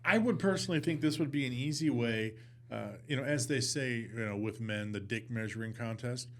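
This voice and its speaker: A man's voice: medium pitch, brisk, a bit bright, slight background noise. A man hosting a podcast, asking his guest questions in a casual, jokey way. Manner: jokey, laughs easily, asks leading questions. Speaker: podcast host. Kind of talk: casual interview chat.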